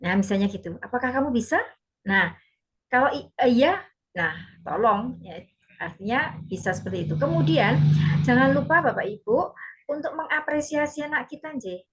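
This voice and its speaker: A woman speaking casually and gently about parenting, with fillers. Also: fairly high pitch, animated, moderate pace, slightly rough, poor audio. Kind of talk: casual talk.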